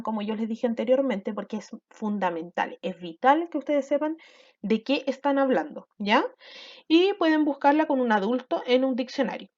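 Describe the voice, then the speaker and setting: A woman's voice: high-pitched, darkish tone, muffled recording. A woman, a primary school teacher giving a recorded lesson to children, explaining patiently step by step and often checking they follow. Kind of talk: recorded online class for children.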